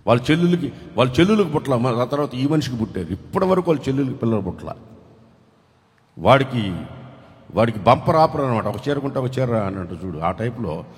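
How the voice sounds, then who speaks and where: A man's voice: lively intonation, fast. Fervent male pastor in an echoing hall. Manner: fervent preaching with wide pitch swings, urging the crowd to clap. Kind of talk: sermon at a large convention. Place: large convention hall. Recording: long reverb of a large hall.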